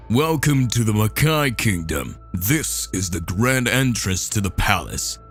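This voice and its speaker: A man putting on a smug, low-voiced gate-guard villain. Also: animated, takes it slowly, faint music behind. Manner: mock-courteous, gloating.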